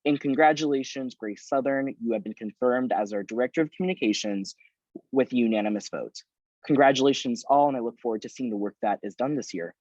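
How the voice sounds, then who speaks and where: A man's voice: medium pitch, darkish tone, no room sound. Man chairing a video-call meeting. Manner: measured, procedural announcements. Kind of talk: formal meeting procedure. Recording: dull lo-fi video call audio.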